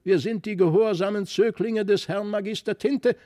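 A man voicing a pair of spiteful toy figures, a hunter and a harp player, croaking threats in a raised voice. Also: high voice, fairly even intonation, warm tone, pitched above the performer's own voice, lightly acted. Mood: menacing. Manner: threatening, drawn-out.

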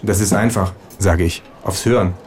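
A man with a fairly deep voice reads a first-person comic story aloud. His delivery is dry and deadpan, with faint noise in the background. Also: moderate pace. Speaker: narrator.

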